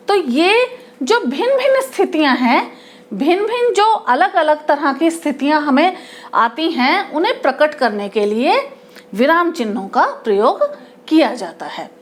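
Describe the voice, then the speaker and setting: A woman teacher explaining a grammar lesson, asking her class questions and restating each term in simpler words. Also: sits high. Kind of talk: Hindi grammar lesson at a board.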